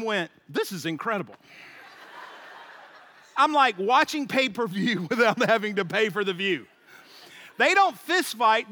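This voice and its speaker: A man, a guest speaker telling a funny story at church in an animated, joking way. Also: very high-pitched, dry recording, studio quality. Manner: animated, joking, laughs at his own story. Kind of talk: humorous storytelling sermon.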